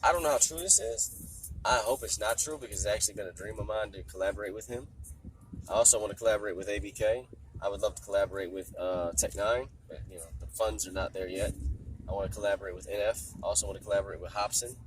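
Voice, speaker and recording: Low-voiced man with a smoker's rasp. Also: steady tone, quick pace, a little hiss or hum, poor audio. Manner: informal, rambling, slangy delivery. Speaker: podcast host. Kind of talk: casual solo podcast chat. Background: music playing in the background.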